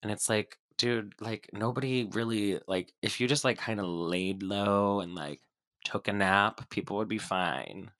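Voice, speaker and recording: Bright-voiced man with vocal fry. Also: on the low side, measured pace, no room sound. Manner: heavy filler "like", rambling, hedging. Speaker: podcast co-host. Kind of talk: casual pop culture podcast chat.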